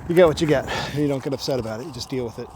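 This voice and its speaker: A man's voice: mid-range voice, rapid-fire. Chatty man vlogging from his bike. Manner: relaxed, chatty, with frequent fillers. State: a little out of breath. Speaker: cycling vlogger. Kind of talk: casual vlog narration while riding. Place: outdoors on a bicycle on a road. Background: passing traffic.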